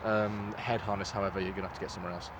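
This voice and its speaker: A man's voice: low-pitched, little pitch movement, racing, noisy background. A man giving a casual, informal product review as the host, talking in a loose, sweary way. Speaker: host reviewing gas masks.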